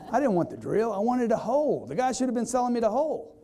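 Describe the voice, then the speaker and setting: A man giving an energetic live sales seminar, quizzing the audience and acting out customers in quoted voices. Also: extremely high pitch, moderate pace. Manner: energetic, repetitive, keeps quizzing the crowd. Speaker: sales trainer.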